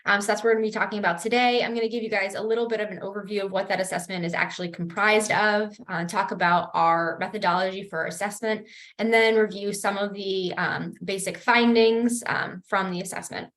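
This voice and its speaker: A woman's voice: mid-range voice, steady tone, fairly bright tone. Woman presenting slides on a call. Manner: brisk, organized presenting with fillers. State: morning voice. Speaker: project coordinator. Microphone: video call.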